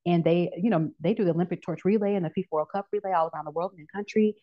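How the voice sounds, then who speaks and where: A woman in her thirties, a podcast guest telling her career story in a casual chat, lively and acting out the voices of people she quotes. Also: fairly low pitch, very fast. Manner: animated storyteller who acts out quoted voices. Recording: dull lo-fi audio.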